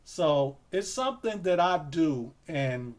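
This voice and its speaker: A man's voice: a little high, big pitch swings, slow. A man hosting an interview, talking casually in a rambling way with many "you know"s and speaking directly to his viewers. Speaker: host.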